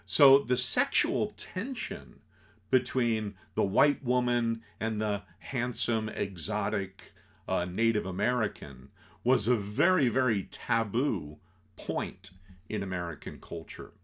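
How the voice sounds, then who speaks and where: A man explaining an old film scene by scene in a casual lecture, acting out the characters' lines and filling pauses with "you know". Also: lowish voice. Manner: animated, acts out quotes, many fillers.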